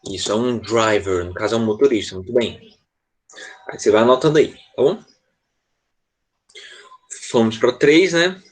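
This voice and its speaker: A man's voice: medium pitch, normal speed, long pauses. A man with a Brazilian Portuguese accent, an English teacher giving an online class, explaining step by step and checking in often with the students.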